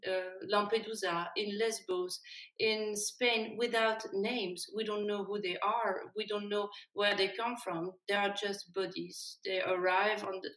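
A woman's voice: medium pitch, a bit bright. An earnest, reflective woman from Morocco speaks as a guest on a panel, often restarting her sentences. Her voice sits in the middle of the range for a woman. It sounds roomy, picked up from some distance from the microphone. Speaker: novelist guest. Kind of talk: panel discussion answer.

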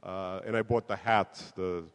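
Speaking in a low, slightly slow voice, an interview guest born in the Soviet Union shares stories from his life in a relaxed, self-mocking way. Frequent laughter and many restarts mark his delivery, and a long hall reverb colors the recording.

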